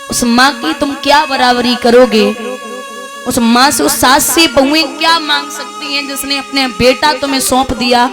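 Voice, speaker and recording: A woman storyteller tells a sad devotional tale with emotion and preaches a moral, talking straight to her listeners. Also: high-pitched. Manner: emotional, addresses listeners directly. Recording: music playing behind.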